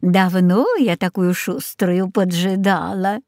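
A woman voicing a scheming old forest witch in a storybook reading, sweet and coaxing, drawn out slowly. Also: lowish voice, steady tone, a little mellow, no room sound, clean studio sound. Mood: sly coaxing.

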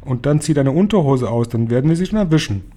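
A man's voice: medium pitch, expressive, quick pace, dark tone, lightly acted. A man voicing a male kitchen cook who jeers at a colleague. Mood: mocking.

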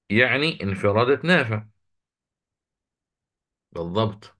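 A man teaching a lesson on Quranic recitation, answering students' questions and slowly chanting the verses he quotes. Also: mid-range voice, fairly bright tone.

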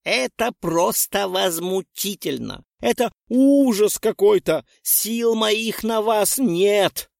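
A man's voice: a little high, animated, slow, no room sound, studio quality, voice pushed up. A man voicing a stern, indignant old woman who is the head witch of a magic academy, scolding students. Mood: outraged.

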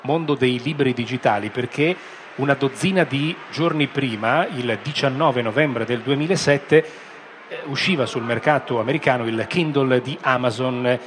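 A man hosting a live radio talk show, pausing mid-sentence as he presents. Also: mid-range voice, a bit bright, slight background noise. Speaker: radio host. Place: live broadcast stand at a busy book fair.

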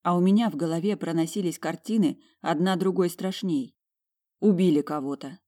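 A woman's voice: on the low side, normal speed, dark tone. A woman reads a first-person audiobook with emotional, introspective storytelling. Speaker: audiobook narrator.

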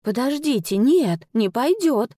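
A woman's voice: mid-range voice, unhurried, a little mellow, no room sound, studio quality, natural voice. A woman voicing a playful young woman who teases her companion with mock sternness, in a storybook reading. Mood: teasing. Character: playful teasing young woman, easily frightened.

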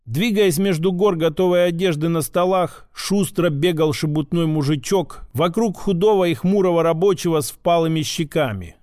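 A man narrates a first-person audiobook in a measured, even storytelling manner. His voice sits a little higher than most men's. The recording is dry and close, with no room sound. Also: no echo.

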